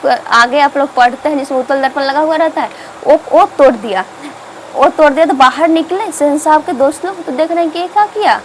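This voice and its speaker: A woman's voice: high-pitched, slight background noise, poor audio. A woman teacher explaining a story to students, asking herself questions and answering them. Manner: repetitive, asks and answers its own questions.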